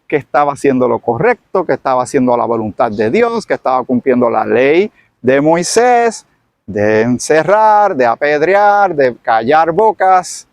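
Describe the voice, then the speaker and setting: A man's voice: medium pitch, very animated, measured pace, no room sound. A man teaching from the Bible in a sermon style, retelling the scene dramatically and acting it out. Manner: dramatic storyteller who acts out the scene.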